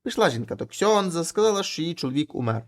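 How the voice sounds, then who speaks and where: Animated male storyteller. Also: fairly high pitch, fast talker. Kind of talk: folk tale reading.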